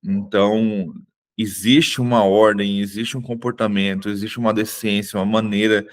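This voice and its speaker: A man leading a Bible reading group, calmly explaining the passage over a video call. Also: lowish voice. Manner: calm, explanatory, frequent tag questions. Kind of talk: reflective Bible commentary.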